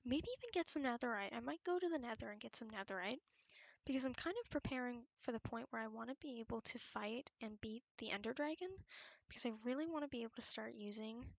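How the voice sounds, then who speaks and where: A woman's voice: on the high side, fast, vocal fry, no echo, highs cut off. A young adult woman chatting casually as she narrates her gameplay, in a rambling, informal, self-effacing way. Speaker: video creator narrating gameplay. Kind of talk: casual gaming chat. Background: background music.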